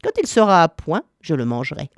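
A woman voicing a cruel old witch who lures children, sweet-voiced at first, then sharp and commanding. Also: big pitch swings, a little fast, no room sound. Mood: shrill. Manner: honeyed then shrill, commanding.

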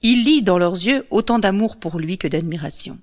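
A woman narrating a myth as a storybook, calm and measured. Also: mid-range voice.

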